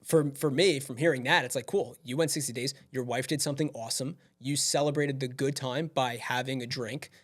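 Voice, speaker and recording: A man chatting as a podcast guest, energetic and affirming, quick to agree. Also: medium pitch. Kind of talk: casual chat.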